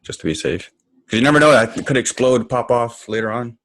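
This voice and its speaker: A man's voice: medium pitch, expressive, a little fast, fairly bright tone. A man hosting a casual podcast interview, asking questions and giving short, encouraging replies. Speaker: podcast host.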